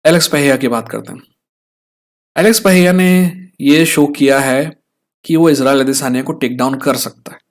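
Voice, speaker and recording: A young Indian man giving a casual fight breakdown, checking in with viewers through frequent tag questions as he talks. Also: on the high side. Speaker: fight analyst host. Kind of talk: casual explainer talk.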